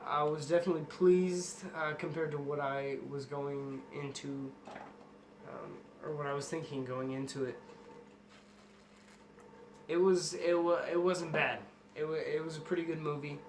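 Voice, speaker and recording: A man co-hosting a casual film review, speaking haltingly and correcting himself as he goes. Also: fairly high pitch, fairly even intonation. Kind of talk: casual movie review chat. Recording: roomy echo, faint background noise.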